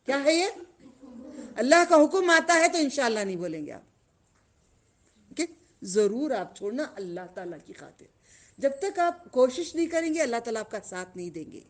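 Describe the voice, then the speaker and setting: A woman's voice: sits high, very animated, long pauses. A woman giving a religious lesson to children, questioning the class and drawing out repeated phrases. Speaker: religious teacher.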